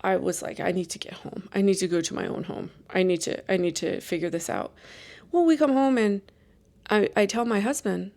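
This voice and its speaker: A woman's voice: medium pitch, normal speed, vocal fry, darkish tone. A woman hosting a podcast, telling a rambling, self-deprecating story in a casual chatty way with many restarts. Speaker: podcast host.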